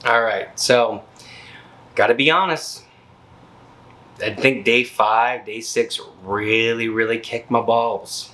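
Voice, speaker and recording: Worn-out man rambling casually, mid-pitched. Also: steady tone, slow, long pauses, fairly bright tone. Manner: slangy, rambling. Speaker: vlogger. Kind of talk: casual chat, health update.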